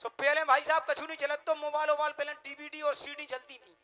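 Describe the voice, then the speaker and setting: Male comic storyteller, high-pitched and animated, rustic delivery. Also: fairly quick. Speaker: comedian.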